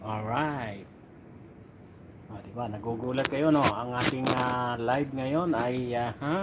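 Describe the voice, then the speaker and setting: A middle-aged man chatting casually on a live stream while on night volunteer duty outdoors, giving viewers shout-outs. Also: medium pitch, takes it slowly, noisy background.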